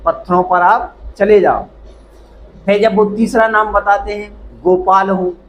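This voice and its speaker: A man teaching a Hindi grammar lesson at a board, explaining slowly and repeating each example aloud. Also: sits high, lo-fi sound, slight background noise. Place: classroom with a small board.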